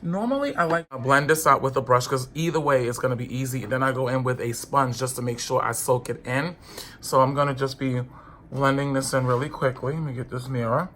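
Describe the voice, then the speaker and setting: Here a beauty vlogger with a cold talks about a foundation, his medium-pitched, slightly bright voice thick with congestion. He chats to camera in a casual, sassy way at a fairly quick clip, over slight background noise.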